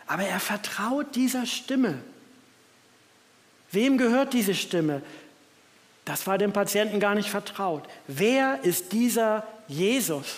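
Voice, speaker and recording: A man gives a sermon with a fairly high voice and a reflective manner, reading scripture passages aloud. His words ring out with a long reverb from the church around him. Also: expressive, slow. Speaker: preacher.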